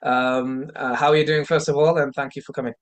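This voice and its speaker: A man's voice: mid-range voice, little pitch movement, a little fast. A man hosting an informal interview, asking long questions in a hesitant way and often repeating his phrases. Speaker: interviewer, coach.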